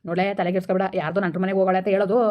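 A woman playing a middle-aged village man who hushes and bosses his family to protect his election chances, in a comedy skit. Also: on the low side, flat delivery, rapid-fire, highs cut off, close to an everyday voice. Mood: hushing. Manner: hushing, persuasive, bossy.

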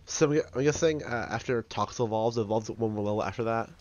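A man chatting with a friend while they both play, asking quick questions with many restarts. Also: mid-range voice, darkish tone, highs cut off. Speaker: co-player friend. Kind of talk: casual gameplay chat.

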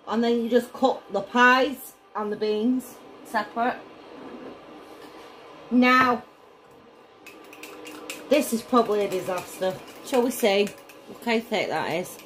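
Woman, Northern English, tipsy and giggly, slow casual kitchen chatter with blunt exclamations. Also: fairly high pitch, a little hiss or hum, poor audio. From northern England. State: tipsy from drink. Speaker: home cook vlogger. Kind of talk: casual cooking chat. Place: indoors in a home kitchen.

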